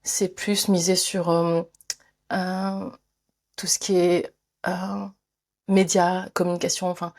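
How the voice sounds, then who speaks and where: A woman's voice: lowish voice, flat delivery, slow, pauses often, a little mellow. A woman from France, a guest in a conversational interview, thinking aloud with many fillers, restarts and frequent laughs. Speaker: guest, author and speaker.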